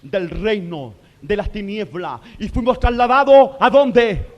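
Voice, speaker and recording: A male minister preaching a fervent sermon to a congregation in a church, shifting between quiet passages and shouted declarations, with rhetorical questions to the listeners. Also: high-pitched, measured pace, highs cut off.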